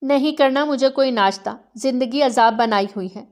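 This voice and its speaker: Woman reading a defiant young bride, sharp and firm, slightly high voice, storybook reading. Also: natural voice.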